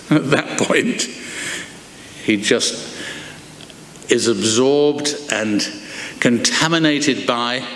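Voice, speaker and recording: In a large wooden church, an older Englishman with a lowish voice preaches a sermon from a lectern, speaking into its microphone. He is expressive, gestures broadly, and slows down to stress his points. The recording is echoey, with the hall's long reverb.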